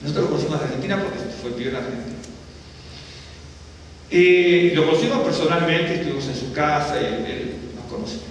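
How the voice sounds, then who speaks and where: A man's voice: on the high side, a little fast. A man, a rabbi, giving a sermon in a conversational way, asking his listeners questions and telling personal stories. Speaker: rabbi preaching. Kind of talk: sermon teaching. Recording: distant mic in echoey hall, faint noise.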